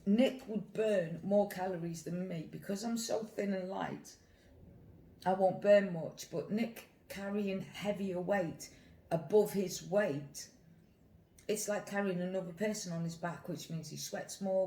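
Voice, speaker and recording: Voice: mid-range voice, measured pace, dark tone. A British vlogger talking casually and giving opinions to camera, rambling and repeating phrases for emphasis. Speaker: mukbang vlogger. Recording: echoey room.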